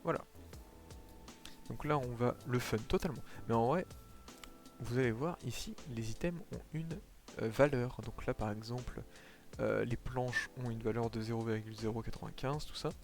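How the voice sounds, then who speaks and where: A man's voice: mid-range voice, normal speed. Chatty man streaming a game. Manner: chatty, many fillers, explains as he plays. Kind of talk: casual gameplay commentary. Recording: faint music behind.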